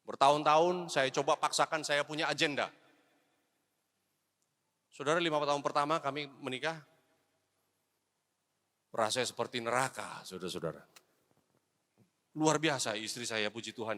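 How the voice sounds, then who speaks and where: A middle-aged man preaching a sermon as an evangelist, telling a personal story, calling his listeners "brothers and sisters" and dropping English phrases into his talk. He swings between loud exhortation and hushed confession. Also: medium pitch, normal speed, pauses often. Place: church hall. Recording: reverberant church hall.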